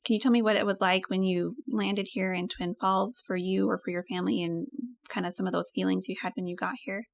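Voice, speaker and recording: A woman's voice: mid-range voice, steady tone, fairly quick, gravelly, few pauses, no echo, clean studio sound. Woman hosting an interview podcast. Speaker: podcast host. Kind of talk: scripted show introduction and interview hosting.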